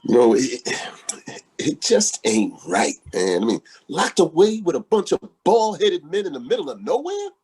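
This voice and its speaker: A man's voice: a little high, wildly swooping pitch, moderate pace, darkish tone, slightly rough, full character voice. An actor playing Paul, a blunt, folksy and worried father, in a stage play reading. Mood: gruff.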